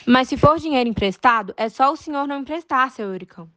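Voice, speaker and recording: A woman playing a quick-tongued, teasing young maid in a stage play. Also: high-pitched, animated, sharp tone. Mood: cajoling. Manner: teasing, cajoling.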